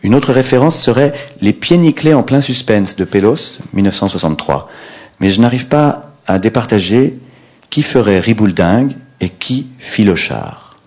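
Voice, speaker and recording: A man's voice: lowish voice, expressive, normal speed, a little mellow. A middle-aged man, an author, reading his own book aloud wryly and chatting with an audience. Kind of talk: literary reading and audience chat.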